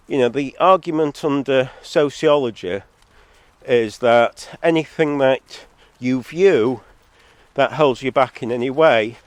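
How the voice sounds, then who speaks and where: Full of a head cold, a Zambia-born man living in England makes a solo vlog, rambling and arguing with sardonic asides. There's no room sound, but his phone or camera was recorded too hot, leaving the audio distorted and clipping.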